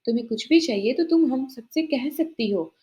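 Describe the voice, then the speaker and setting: A woman voicing a patient, forgiving young daughter-in-law who speaks softly and meekly. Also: high voice, expressive, moderate pace.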